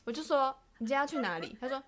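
A young woman in university co-hosting a casual chat podcast, animated and quick to laugh as she tells exasperated stories. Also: sits high. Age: young adult. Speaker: podcast co-host.

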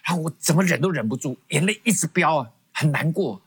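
A man's voice: a little high, animated, fast, a bit bright, slightly rough. A man giving a personal testimony as a guest in an interview, telling it animatedly with frequent restarts. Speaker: guest professor.

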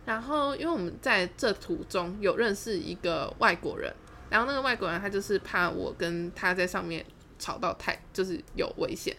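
A young woman hosting a podcast who tells a story in a casual way. She is animated, laughs often and acts out the quotes. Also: mid-range voice, moderate pace, gravelly, slight background noise. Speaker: podcast host.

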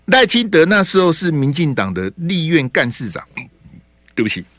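Man, radio host, fairly high and lively voice, combative opinion rants. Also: normal speed, dry recording, studio quality. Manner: rants loudly, mocking rhetorical questions. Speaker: radio talk show host. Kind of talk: opinionated political commentary.

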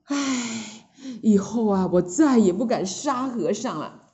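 A woman voicing a remorseful king who speaks slowly with sighs, in a storybook telling. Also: on the high side, animated, mellow, highs cut off. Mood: rueful. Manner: slow, sighing delivery. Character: remorseful king, sighing and tearful.

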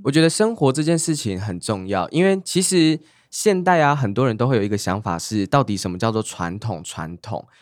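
A man's voice: fairly low pitch, animated, brisk, hardly any pauses, no room sound, clean studio sound. A man co-hosting a panel, chatting casually and thinking aloud with frequent fillers.

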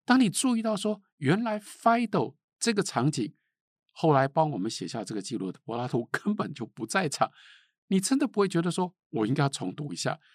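A middle-aged man from Taiwan giving a spoken literature lecture, emphatic, with sharp rises and falls and rhetorical questions. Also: fairly high pitch, sing-song, brisk, no echo, clean studio sound.

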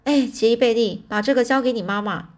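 A wise old grandmother speaks softly and a touch lower, as a woman reading a storybook puts her on. The voice stays gentle and plain, barely acted. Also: fairly quick, natural voice. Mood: kindly. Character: knowing, kindly old grandmother.

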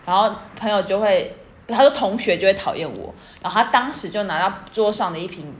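A woman's voice: mid-range voice, fairly quick, slight background noise. A woman with a Taiwanese Mandarin accent, telling anecdotes as a podcast co-host in casual chat and acting out the quotes. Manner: chatty storyteller, acts out quotes.

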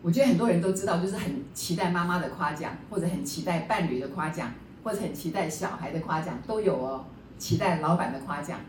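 Animated woman teacher in an echoey room. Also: lowish voice, fast, distant mic, a little hiss or hum. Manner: chatty, keeps asking the class rhetorical check-ins. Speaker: teacher leading a book study class. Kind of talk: lively classroom lecture. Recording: echoey room, voice a bit off-mic.

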